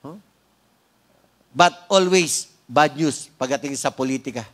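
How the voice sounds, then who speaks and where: A man with a Filipino accent preaching a sermon, often asking the congregation "Amen?" and slowing down to stress key words, with light joking asides. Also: medium pitch, a bit bright. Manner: frequent "Amen?" prompts to the congregation. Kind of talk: sermon with opening prayer.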